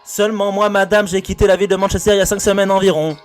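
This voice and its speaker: A man singing the part of a stiff, formal gentleman in an absurd play, a comic parody set to a show tune. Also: high-pitched, level tone, rapid-fire, faint music behind, lightly acted. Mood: mock-solemn. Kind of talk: sung comic parody of theatre lines.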